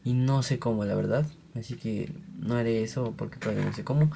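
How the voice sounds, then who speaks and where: A man's voice: medium pitch, steady tone, fairly quick, gravelly, background noise. A young man, rambling in casual gameplay commentary and voicing digging sounds aloud. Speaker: gaming channel host.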